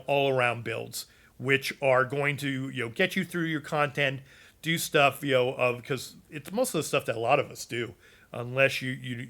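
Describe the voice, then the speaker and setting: Losing his voice, a man who makes gaming content rambles casually about game builds, full of filler words and restarts. He has a mid-range, slightly bright voice.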